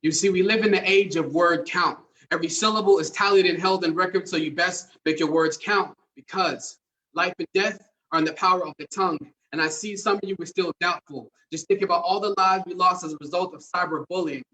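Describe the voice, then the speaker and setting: A man performing spoken word poetry at an open mic with a measured, emphatic delivery. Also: high-pitched, bright, forceful tone. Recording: distant mic at live event.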